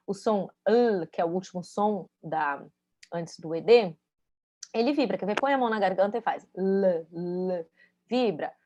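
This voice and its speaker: Teacher lady, patient, demos sounds, keeps going "tá? né?". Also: mid-range voice. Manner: explains patiently, demonstrates sounds, checks in with "tá?" and "né?". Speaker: English teacher. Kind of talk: casual spoken lesson.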